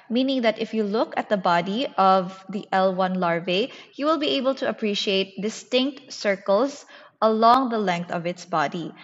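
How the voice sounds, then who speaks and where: Woman teaching a class, muffled and echoing. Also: medium pitch. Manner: teacher addressing a class, explanatory. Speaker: medical lecturer teaching a class. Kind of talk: scripted slide lecture. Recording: muffled, reverberant narrated slide recording.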